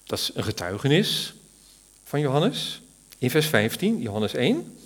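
A man's voice: medium pitch, sing-song, measured pace, fairly bright tone. A man teaching from the Bible in a sermon, thoughtful and searching for words, rising to stress key words.

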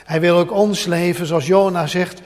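A man's voice: high voice, steady tone, moderate pace. A man preaching a sermon with emphasis, repeating short phrases as he builds up, speaking directly to his listeners. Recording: long hall reverb.

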